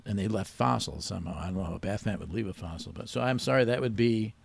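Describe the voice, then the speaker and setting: A man's voice: fairly low pitch, quick pace, vocal fry, no echo. A man hosting a radio quiz show, teasing the caller with dry wisecracks. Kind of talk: joking quiz banter.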